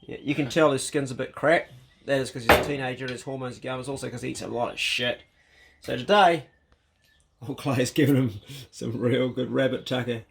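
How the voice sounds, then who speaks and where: A man's voice: medium pitch, steady tone, a little fast, creaky, slight background noise. A man with a broad New Zealand accent, chatting casually to camera as a vlog host in a laid-back, slangy, blokey way.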